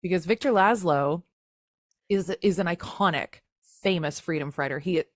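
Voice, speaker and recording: A woman's voice: on the low side, no room sound, studio quality. A woman co-hosting a podcast, chatting casually and jokily while recapping a film. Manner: chatty, jokey, acts out lines in quick voices. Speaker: podcast co-host.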